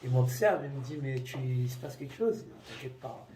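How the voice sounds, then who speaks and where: In a congregation meeting room, a church member gives a personal testimony, acting out the dialogue and using many fillers. His mid-range voice is expressive, brisk, and dark in tone. The room is echoey, the mic distant, and there's faint noise.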